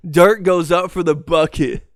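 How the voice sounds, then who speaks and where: A man in his twenties hosting a casual sports podcast, telling a story with profanity and loud shouted reenactments. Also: on the high side, steady tone, a little slow, no echo, clean studio sound. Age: 20s. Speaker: podcast host.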